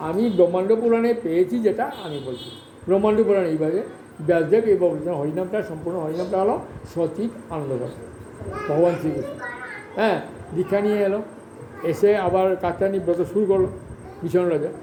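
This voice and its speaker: A man telling a devotional story in a halting way, filling pauses and searching for words. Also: high voice, warm tone, echoey room, slight background noise, low-quality recording.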